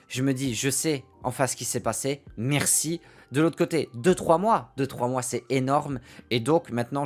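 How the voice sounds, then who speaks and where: Young french guy telling his story to camera, leans hard on repeats, bit of music under it. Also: medium pitch. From France. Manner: emphatic, repeats phrases for effect. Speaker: streamer and video creator.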